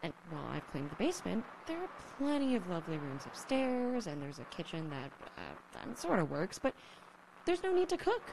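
In an audio drama, a woman voices a lonely, nervous young survivor broadcasting alone on the radio, rambling, self-deprecating, and swearing when flustered. Her voice sits on the low side, creaky and a little mellow, with huge pitch swings, a brisk pace, and an exaggerated, wry delivery. The recording is rough, with a little hiss or hum.

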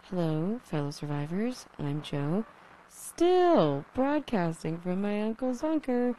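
A woman's voice: mid-range voice, sing-song, slow, dark tone, a little hiss or hum, poor audio. A woman playing a young survivor who broadcasts alone on the radio, rambling and self-deprecating, swearing when flustered, in an audio drama. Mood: wry. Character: young woman survivor, lonely, nervous, wry.

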